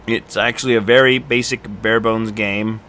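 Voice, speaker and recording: A game streamer casually comments on the video game he's playing, rambling through a let's-play with lots of fillers. He speaks in a lowish, steady voice at normal speed, over loud game music and slight background noise.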